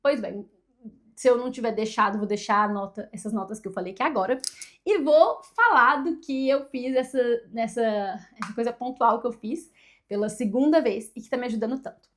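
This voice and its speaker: A woman with a Brazilian Portuguese accent, chatting casually to the camera at her desk and thinking aloud, often tagging her sentences with quick questions to the viewer. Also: a little high. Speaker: vlogger.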